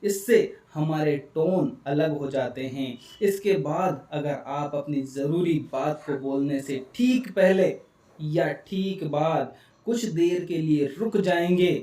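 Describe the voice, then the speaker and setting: A man reads a book summary in a slow, unhurried voice with a dark, mellow tone. He sits a little back from the microphone, so the voice carries some room echo. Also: on the high side, far from the mic. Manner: calm, explanatory, addresses viewers directly. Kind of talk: scripted narration.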